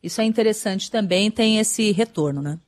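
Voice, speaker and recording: A woman's voice: medium pitch, moderate pace, darkish tone. A woman co-hosting a radio news show, plugging the podcast. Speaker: radio co-host. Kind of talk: radio chat.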